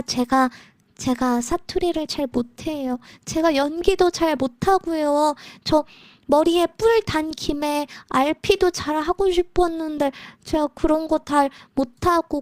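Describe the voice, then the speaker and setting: A woman's voice: high-pitched, dry recording, studio quality. A woman live streaming as a virtual idol, chatting casually with viewers in a cute anime streamer manner, playfully whiny and teasing.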